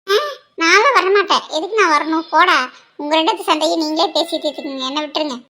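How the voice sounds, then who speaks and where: A high-pitched cheeky little girl from a cartoon, voiced by a woman. She teases, bickers and talks back with sass. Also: fairly quick, sharp tone. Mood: teasing. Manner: sassy, bickering, turns to pleading. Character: cheeky, teasing little girl nicknamed shorty. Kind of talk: cartoon voice acting.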